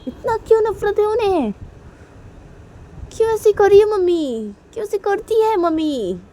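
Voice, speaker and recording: Emotional young woman in love, high and pleading, voiced by a woman storyteller. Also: lively intonation, measured pace, mellow. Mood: upset questioning. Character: young woman in love, upset about her mother. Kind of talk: storytelling with acted dialogue.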